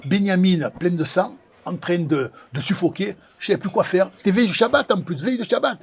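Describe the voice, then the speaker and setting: A man with a sing-song Marseille accent tells his own story with big emotion and lots of repetition. His voice sits a little high and sounds husky. He builds the drama of every moment. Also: brisk. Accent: Marseille, southern French. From Marseille, France. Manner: dramatic, animated, repeats phrases for effect. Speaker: pizza maker telling his life story.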